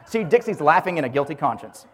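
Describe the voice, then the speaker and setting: A man's voice: mid-range voice, expressive, normal speed. Man teaching a group in a reverberant hall. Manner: asks listeners rhetorical questions and calls on them by name. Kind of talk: religious teaching talk to a group.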